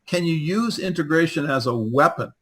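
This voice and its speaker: A man's voice: on the high side, lively intonation, normal speed, fairly bright tone. A man explaining a political theory in a hesitant way, with many fillers and restarts.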